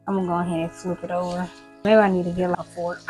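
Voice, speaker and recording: A woman's voice: lowish voice, flat delivery, very fast, darkish tone, soft background music. A tired woman, chatting casually and rambling to her viewers while cooking in her home kitchen, recorded by a nearby camera. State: tired, yawning. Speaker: cooking vlogger. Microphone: camera close by.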